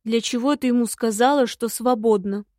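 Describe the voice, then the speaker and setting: A fussy male imp with hare ears nags and scolds in an exasperated tone, as a woman narrator puts him on. The voice sits fairly high and sounds close and dry. It is a storybook figure who is fond of grumbling. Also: normal speed, darkish tone, no echo, lightly acted. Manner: exasperated, nagging.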